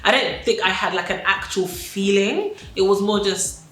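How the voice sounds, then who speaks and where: A woman's voice: medium pitch, moderate pace, fairly bright tone. A woman in her twenties answering documentary interview questions in a reflective, casual way with many fillers. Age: 20s. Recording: echoey room with faint noise.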